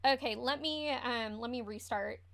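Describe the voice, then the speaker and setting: A woman game master talks a little high, hesitant and full of fillers. Her voice comes through a computer mic on a voice call that keeps dropping, so her words are choppy and the endings get cut off. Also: normal speed, vocal fry, a bit bright. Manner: hesitant, many fillers and restarts. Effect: voice choppy and cutting out over a bad call connection. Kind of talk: running an online tabletop game.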